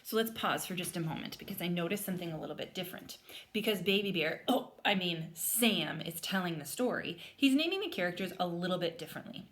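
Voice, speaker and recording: A woman elementary school teacher leads an interactive read-aloud lesson for young children, explaining things and spelling words out as she writes. Her voice is on the low side and fairly bright, and she talks fast with an animated delivery.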